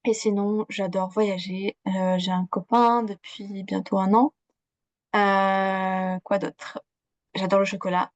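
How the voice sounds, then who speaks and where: This young woman, a Swiss-born coach, chats on a podcast interview in a casual, filler-heavy way and laughs readily. She speaks slowly at medium pitch with little pitch movement; the recording is dry with the highs cut off.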